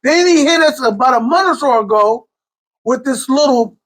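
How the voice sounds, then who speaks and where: A man's voice: very high-pitched, lively intonation, moderate pace, fairly bright tone. A man from Cleveland co-hosting a podcast, talking loosely and animatedly with many restarts and asides. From Cleveland, Ohio. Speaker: podcast co-host. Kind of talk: casual chat.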